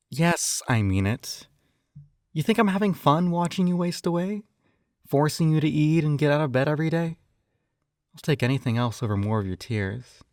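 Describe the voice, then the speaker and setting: This intimate scripted roleplay has a man with a fairly high-pitched voice portraying a possessive yandere captor and hypnotist. He coaxes and dotes with slight condescension, sighing often, in a studio-quality recording without room sound.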